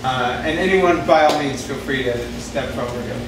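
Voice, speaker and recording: A man's voice: medium pitch, normal speed, noisy background. A man emceeing a theater panel, asking loose, filler-heavy questions. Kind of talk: moderating a panel. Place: small theater stage. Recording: echoey room from far off.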